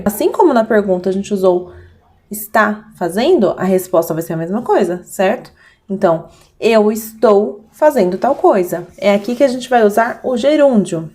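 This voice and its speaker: A young woman teaches English grammar straight to her viewers. She slows down to spell out rules and model short example phrases, then picks the pace back up. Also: medium pitch, warm tone.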